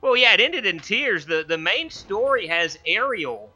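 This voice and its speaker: A man's voice: sits high, very animated, measured pace, sharp tone. A man hosting a casual let's-play, rambling with many stammered restarts while he plays. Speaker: gaming channel host. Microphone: headphones with gaming mic. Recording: dull lo-fi mic.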